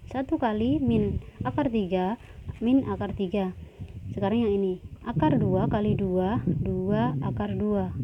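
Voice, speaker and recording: A woman's voice: mid-range voice, lo-fi sound. Patient woman teaching a math lesson. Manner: patient step-by-step explaining, frequent "ya" checks.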